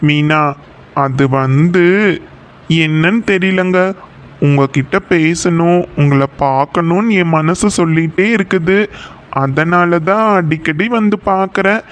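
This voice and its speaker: A man's voice: a little high, unhurried, close to an everyday voice. A man voicing a flustered lovestruck cartoon guy. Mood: wooing. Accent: Kongu Tamil (Coimbatore). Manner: pleading, coaxing, flustered. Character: lovestruck young office-working man, timid and pleading. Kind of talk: cartoon voice acting.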